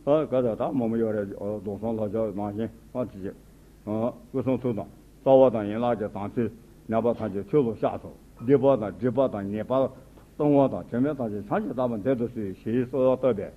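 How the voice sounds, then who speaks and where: A man's voice: mid-range voice, fairly quick. A man, a Buddhist teacher, giving an informal spoken commentary on a religious text in short, conversational phrases. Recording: tinny phone-like sound with faint noise.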